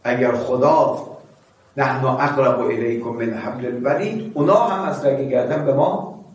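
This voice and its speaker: A man giving a sermon as a cleric, reciting verses slowly and often asking listeners "right?". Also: mid-range voice. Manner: asks listeners "bale?" often. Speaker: cleric teaching ethics. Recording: echoey hall, mic far off.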